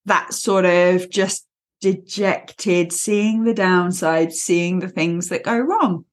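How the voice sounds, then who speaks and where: A woman hosting a solo podcast, talking in a lively, playful way and laughing easily. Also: lowish voice, slow pace. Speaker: podcast host and coach.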